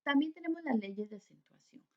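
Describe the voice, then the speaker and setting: A woman's voice: sits high, lively intonation, a little fast. A Costa Rican woman teaching a recorded grammar lesson, explaining step by step and asking and answering her own questions. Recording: dull lo-fi recording.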